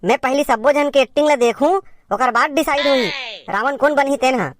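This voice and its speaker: High-voiced Chhattisgarhi woman playing a bossy teacher. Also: fairly quick. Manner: bossy teacher tone, scolding and directing. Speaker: comedy sketch performer playing a teacher. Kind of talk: scripted comedy sketch in Chhattisgarhi.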